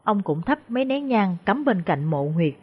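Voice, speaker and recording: A woman tells a story in a steady voice at a mid pitch. Her telling stays even and unhurried. The recording sounds dull and lo-fi. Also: breathy edge. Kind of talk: story narration.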